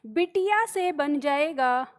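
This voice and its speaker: A woman's voice: sits high, expressive, slow pace. A woman teaching a grammar lesson, patiently explaining rules, repeating example words and checking in with her students.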